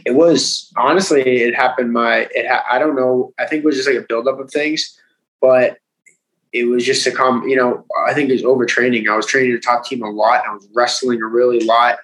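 A man's voice: mid-range voice, fairly quick, poor audio. A man in his thirties with a Boston accent, a professional fighter telling his story in a casual interview, acting out quotes with lots of "like" and "you know.". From United States. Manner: animated, acts out quotes, frequent "like" and "you know".

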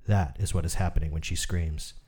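A man reading aloud, playing a calm, matter-of-fact doctor and father who explains things patiently. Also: low voice, brisk, slightly rough. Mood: explaining.

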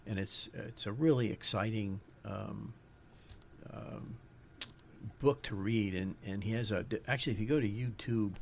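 A man's voice: fairly low pitch, creaky, slight background noise. A man with a New York accent hosting a podcast, giving an informal lecture as he searches for his words. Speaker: podcast host.

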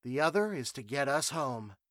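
A man's voice: medium pitch, very animated, moderate pace, fairly bright tone, no room sound, voice pushed up. A man voicing an observant, cautious young woman reporter in a storybook reading. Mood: reasoning.

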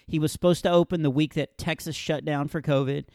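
A middle-aged man hosting a comedy podcast, telling stories in a lively, teasing way and laughing often. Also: on the high side, fairly quick, no room sound, studio quality. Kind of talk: casual comedic banter.

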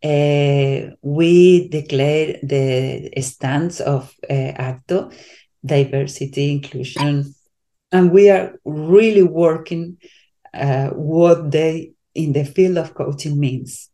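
A woman from Spain with a Spanish accent, a coach being interviewed, speaking haltingly and searching for English words with many restarts. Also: low voice, mellow. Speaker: coach, guest. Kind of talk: casual interview talk.

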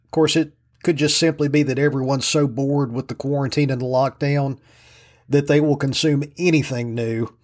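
A man speaks in a mid-pitched voice with an Appalachian hillbilly drawl. He talks casually as a solo podcast host, humble and self-deprecating in how he addresses listeners. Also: steady tone, normal speed. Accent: Southern US hillbilly drawl, Appalachian-like.

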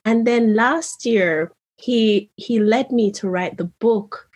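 Reflective woman, husky voice. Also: fairly high pitch, takes it slowly, a little mellow. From Jamaica. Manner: reflective, earnest storytelling. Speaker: interview guest, author. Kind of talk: conversational interview.

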